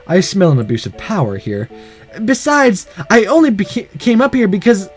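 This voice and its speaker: A man's voice: high voice, huge pitch swings, moderate pace, breathy edge, faint music behind, voice pushed up, heavily acted. A man voicing a prim, chiding female student council member in a visual novel. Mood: scolding.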